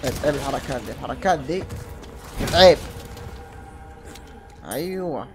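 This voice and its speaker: A young man doing excitable let's play commentary and yelling at in-game enemies. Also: mid-range voice, moderate pace, over music. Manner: excitable, yells and curses at enemies. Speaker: gaming channel host.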